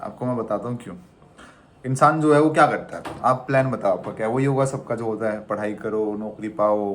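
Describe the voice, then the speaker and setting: A man's voice: mid-range voice, a little hiss or hum. A young man in his twenties, a travel vlogger from India, talking casually and animatedly to the camera. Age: 20s. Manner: animated, chatty, teasing the viewer as "bhai".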